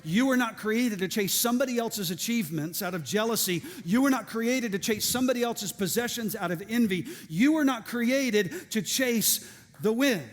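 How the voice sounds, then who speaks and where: A middle-aged male pastor preaching a sermon, energetic and lively, with joking asides and calls to the congregation. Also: sits high, moderate pace. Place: church sanctuary. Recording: reverberant church hall.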